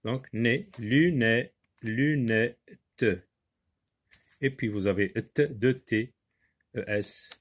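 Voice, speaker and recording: A man teaching reading to a class sounds out each syllable slowly and repeats words emphatically. His voice is mid-range with a breathy edge.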